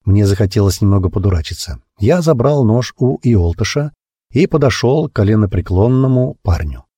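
A man reads a first-person audiobook in a low, dark voice with a husky grain. His delivery rises and falls a lot, and the close, dry recording leaves no room sound. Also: animated, moderate pace, no echo. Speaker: audiobook narrator.

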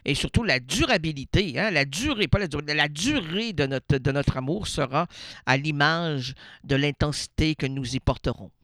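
A man's voice: a little high, lively intonation, normal speed, fairly bright tone, no echo. A man with a Québécois accent hosting an absurd improvised radio monologue, rambling playfully and laughing at his own jokes into a studio microphone. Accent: Québécois French. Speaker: radio host.

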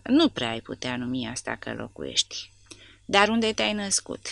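Woman reader doing a seductive woman spy, coaxing and flirtatious, low gravelly voice. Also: big pitch swings, dry recording, studio quality, heavily acted.

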